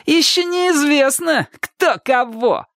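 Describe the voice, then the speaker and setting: Man voicing a taunting schoolboy, nervous and spiteful, high sneering voice, audiobook. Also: expressive, slow, fairly bright tone, no echo, clean studio sound, full character voice.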